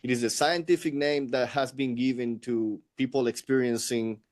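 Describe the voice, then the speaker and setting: A man's voice: mid-range voice, fairly even intonation, moderate pace, darkish tone. A middle-aged man from Venezuela with a Venezuelan Spanish accent, a Spanish speaker, telling his story as an interview guest in an earnest, reflective way.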